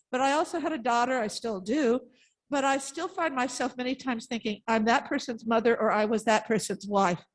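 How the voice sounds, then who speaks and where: An elderly woman, 70 or older, speaks earnestly and emphatically from the congregation after a message, sharing unplanned, heartfelt reflections. Her voice runs on the high side, and the recording is rough.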